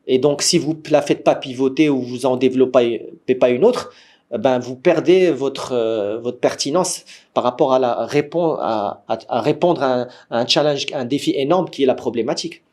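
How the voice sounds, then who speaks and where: Moroccan guy running a startup class on a video call, middle pitch, keeps checking everyone's with him, lots of restarts. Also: normal speed. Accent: Moroccan French. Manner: lively, asks the group for agreement often, many restarts; says he is a gamer. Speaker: startup trainer. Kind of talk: online training lecture. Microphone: computer mic on a video call.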